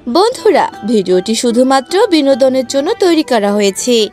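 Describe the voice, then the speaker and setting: A woman's voice: high voice, very animated, moderate pace, darkish tone, faint music behind. A woman narrating a comic cartoon story from a script.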